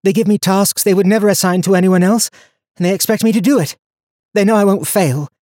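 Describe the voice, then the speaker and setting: An earnest, capable young woman traveler with a raised, quick voice, as a male narrator puts her on. She talks on steadily and rambles a little. The audiobook sound is dry and close. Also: high voice, a little mellow, dry recording, pitched above the performer's own voice, close to an everyday voice. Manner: earnest, rambling when tired.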